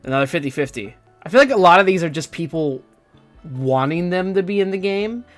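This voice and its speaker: A man's voice: high voice, expressive, brisk, faint music behind. A young man giving casual gaming news commentary, rambling and hesitant with lots of fillers and restarts. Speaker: gaming YouTuber.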